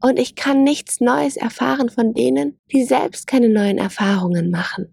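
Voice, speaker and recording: A woman's voice: fairly high pitch, moderate pace, gravelly, a little mellow, slightly rough, dry recording, pitched above the performer's own voice, exaggerated voice. A woman voicing a curious young male lion in a storybook reading, speaking earnestly in a raised voice. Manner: earnest, open questions.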